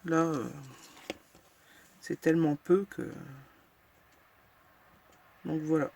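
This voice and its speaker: Gravelly, chatty woman crafting tutor. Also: deep voice, little pitch movement, very slow, warm tone. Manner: chatty, filler-heavy, narrates each step as she works; self-deprecating and frank. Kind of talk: casual crafting tutorial chat.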